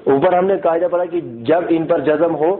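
A high-voiced man leads a classroom lesson. He keeps asking his students questions and repeating his own answers, and he slows right down to sound out each letter. The sound is thin and tinny, as if heard over a phone line. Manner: repeats key points and asks the class questions; sounds out letters slowly and deliberately. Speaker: Quran recitation teacher.

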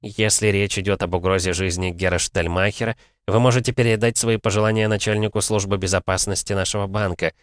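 A man's voice: fairly low pitch, fairly even intonation, a little fast, hardly any pauses, dry recording, clean studio sound, lightly acted. A man voicing a stubborn, polite male bank clerk in an audiobook, courteous and firm. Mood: politely stubborn.

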